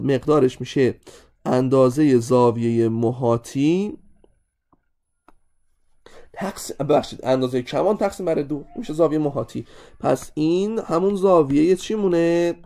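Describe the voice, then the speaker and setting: A man teaching an exam-review math lesson, animated and constantly addressing his students directly. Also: a little high, long pauses.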